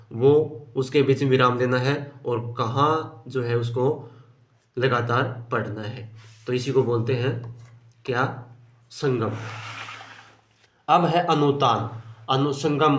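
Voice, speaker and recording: A man teaching grammar, who slows down to repeat key terms and answers his own questions. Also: medium pitch, reverberant. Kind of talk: explaining grammar lesson.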